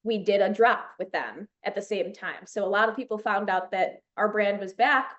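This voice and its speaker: This Chicago-accented founder in her thirties chats eagerly as an interview guest, peppering her speech with fillers and frequent restarts. Her medium-pitched voice is slightly bright and moves at normal speed, though the recording sounds muffled.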